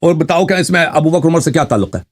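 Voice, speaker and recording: A man's voice: a little high, expressive, slightly rough. A man in a live religious debate, making insistent, challenging retorts. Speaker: debater, Shia scholar.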